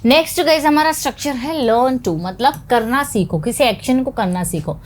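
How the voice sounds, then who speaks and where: A woman with an Indian English accent teaching an English lesson, explaining patiently and saying example phrases slowly. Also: sits high. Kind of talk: spoken English lesson in Hindi.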